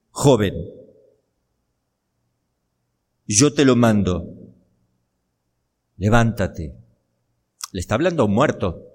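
A man's voice: lowish voice, a little mellow. An older man from Argentina, a priest delivering a homily, building emphasis with rhetorical questions.

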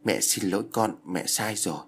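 A man voicing a grieving young mother who speaks gently and apologetically to her ghost daughter. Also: lowish voice, normal speed, husky. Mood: remorseful.

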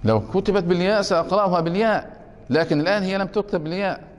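A man's voice: high-pitched, expressive, very fast. Male grammar teacher lecturing in a reverberant hall. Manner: keeps asking the class if it is clear; takes questions from students.

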